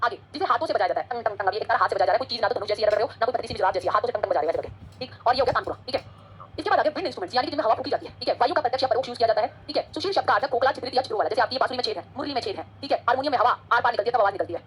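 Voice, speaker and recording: Teacher, female, rapid-fire exam-prep lecturing, a little husky, pitched slightly high. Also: noisy background. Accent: Hindi-English code-switching. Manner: fast, chatty, switches between Hindi and English.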